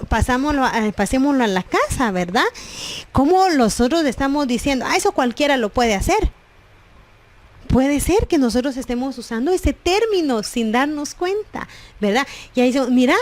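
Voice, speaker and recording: A woman preaching a sermon, often tagging her sentences with questions to the listeners. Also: sits high. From Guatemala. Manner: constant "¿verdad?" tag questions, preachy.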